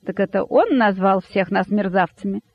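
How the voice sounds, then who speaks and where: A pompous storybook python king, as a man puts him on, hissing slow threats. His voice sits high, and the recording is dull and dry. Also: no echo. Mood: menacing.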